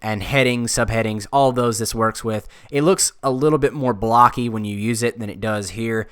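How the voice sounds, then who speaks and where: Young man, smooth clear tone, dry close sound, relaxed, lots of uhs. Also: mid-range voice, moderate pace, no echo. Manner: relaxed, thinking aloud with frequent uhs. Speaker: design video creator. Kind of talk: casual screen-recorded tutorial talk.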